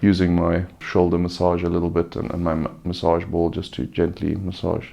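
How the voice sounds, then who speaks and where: Subdued, gravelly man, weary after surgery. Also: sits low, monotone, normal speed, dark tone. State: recovering from surgery with a sore throat. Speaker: vlogger giving a recovery update. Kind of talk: casual personal update, unscripted.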